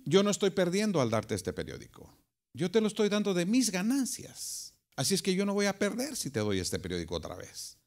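A man voicing a humble, kindly male newspaper seller who speaks softly and reassuringly. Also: sits high, wildly swooping pitch, brisk, heavily acted.

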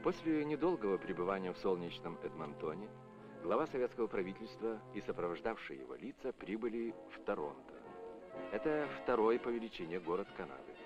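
A man reading formal scripted narration in a measured official tone, as an old Soviet newsreel voice-over. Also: lowish voice, very animated. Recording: dull lo-fi old film soundtrack with music. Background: music.

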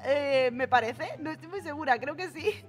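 A young woman with a Peninsular Spanish accent, giving excitable, giggly commentary while playing an online game, with game music in the background. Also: sits high, moderate pace. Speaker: gaming channel host. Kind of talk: casual Roblox gameplay commentary.

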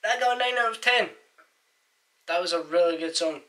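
A young man hosts a laid-back music reaction, talking through his ratings with plenty of ums and restarts. His voice sits a little high and sounds bright and forward. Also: normal speed. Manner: chatty, rates songs out loud with many fillers. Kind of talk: casual album reaction chat.

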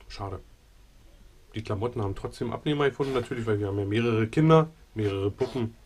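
A man's voice: fairly low pitch, a little mellow, slight background noise. A man in his thirties chatting casually to the camera as a family vlogger, recorded on a handheld action camera. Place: small room at home, car, kitchen. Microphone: action camera at arm's length.

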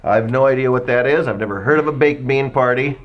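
A radio DJ in his fifties making absurd boasts with a deadpan delivery in a mock debate. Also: mid-range voice, fast talker, lo-fi sound. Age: 50s.

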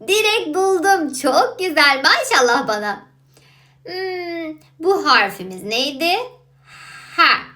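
A woman giving a children's alphabet lesson, sounding out letters slowly and thinking aloud in a playful, coaxing way. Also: high-pitched, sharp tone. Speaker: Quran alphabet teacher.

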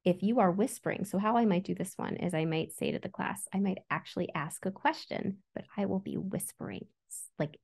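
A woman's voice: mid-range voice, fairly quick, vocal fry, few pauses, a little mellow, husky. A woman guest, a school therapist, talking conversationally in an interview and acting out classroom examples as she explains.

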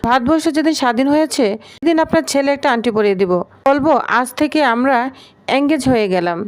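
A woman's voice: sits high, fast talker, lightly acted. A woman voicing a bold, cheeky young woman in love who teases and talks back. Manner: teasing, brash, talks back.

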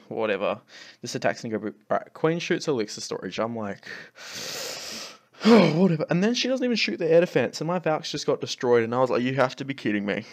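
Exasperated man ranting over game replays. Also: mid-range voice. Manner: exasperated, ranting, swearing freely. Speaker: clan leader and channel host. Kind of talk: casual gameplay commentary over replays.

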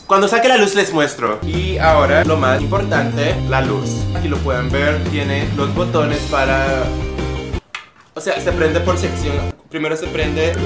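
A man hosts a casual unboxing vlog, poking fun at himself as he rambles along. His voice sits a little high. The room sounds echoey and loud music plays behind him. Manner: joking, self-mocking, rambling. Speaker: vlogger. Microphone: phone camera.

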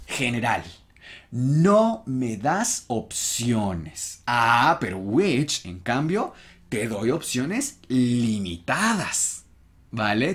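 A man gives an online English lesson in a slightly husky voice. He talks at an unhurried pace, and his pitch moves a lot. He repeats example sentences slowly and encourages the learner. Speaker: English teacher.

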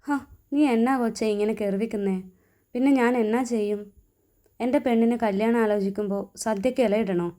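A woman voicing a hot-tempered, teasing young husband in a storybook reading, in a gruff, bantering way. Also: fairly high pitch, steady tone, moderate pace, dark tone, natural voice.

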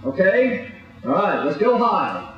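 A bossy, exasperated man coaching a clumsy student, his high voice swooping up and down as he scolds. He sounds far from the camera in a big echoey gymnasium, slightly muffled, with music faintly behind. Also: sing-song, slow. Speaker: coach in a clown gymnastics act. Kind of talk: comic coaching patter over a live act. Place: large indoor gymnasium with audience. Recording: echoey distant muffled gym recording.

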